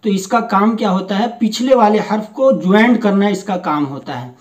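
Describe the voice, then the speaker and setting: A man teaching Quran reading, slowly reading each word aloud and patiently explaining the rules. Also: high voice, distant mic. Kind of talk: slow step-by-step recitation lesson.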